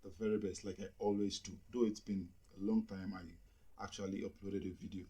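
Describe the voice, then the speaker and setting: A man's voice: low voice, little pitch movement, fairly quick, mellow, slightly rough. A man hosting comedy reaction videos, greeting viewers in an upbeat intro and repeating phrases for emphasis.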